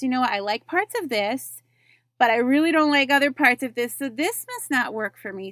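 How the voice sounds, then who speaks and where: A woman's voice: on the high side, fairly bright tone, dry recording. Chatty woman telling her story, dry sound. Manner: chatty, frequent self-corrections and little laughs. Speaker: network marketer. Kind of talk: personal story monologue.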